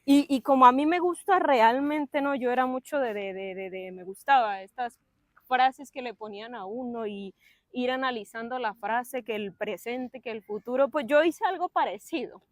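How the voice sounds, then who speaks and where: A young adult woman giving a lively, chatty sermon at a church service, with playful asides and acted-out voices of her listeners. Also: on the high side, moderate pace, no room sound, clean studio sound.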